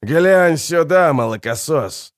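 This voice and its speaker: A cruel, menacing older bounty hunter, voiced by a male reader. He growls and sneers his threats with wide swings in pitch, close to a dry mic. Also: animated, slow, clear, resonant tone, no room sound. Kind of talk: audiobook character voice.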